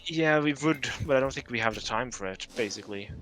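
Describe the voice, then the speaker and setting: A man's voice: mid-range voice, quick pace, fairly bright tone. A man from Norway, chatting casually over a strategy game, hedging and thinking aloud with lots of fillers. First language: Norwegian. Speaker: game streamer. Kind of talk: casual gameplay chat.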